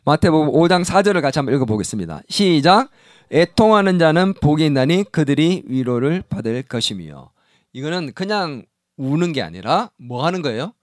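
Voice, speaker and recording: A middle-aged male pastor preaching with a high, lively voice that climbs and drops widely. He acts out little quoted voices as he goes, and the sound is dry and close. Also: fairly quick, no room sound. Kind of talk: sermon. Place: church sanctuary.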